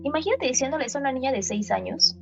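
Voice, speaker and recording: A woman's voice: high voice, lively intonation, racing, vocal fry, faint music behind. A young woman telling her own story in blunt, colloquial words, heard through a dull lo-fi interview clip. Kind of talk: personal storytelling.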